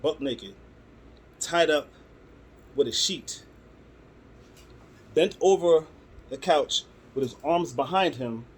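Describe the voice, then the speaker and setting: A man's voice: on the high side, takes it slowly, long pauses, breathy edge. A man, telling personal stories to camera in a loose, rambling way with many "um"s. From Brooklyn, New York. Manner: loose, rambling delivery with frequent "um"s and restarts. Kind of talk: casual storytelling to camera.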